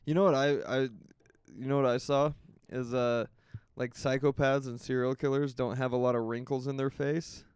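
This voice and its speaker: A man's voice: medium pitch, little pitch movement, moderate pace, a little mellow, clear, resonant tone, no echo, clean studio sound. A man co-hosting a comedy podcast in casual banter. He talks in a laid-back way, swears often and keeps saying "dude". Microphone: studio microphone.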